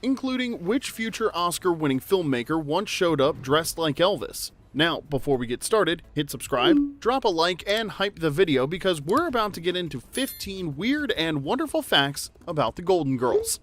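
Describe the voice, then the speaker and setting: A man's voice: on the high side, very animated, moderate pace, hardly any pauses, a bit bright. A man narrating a trivia video in an upbeat, jokey, conversational way. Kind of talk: scripted narration.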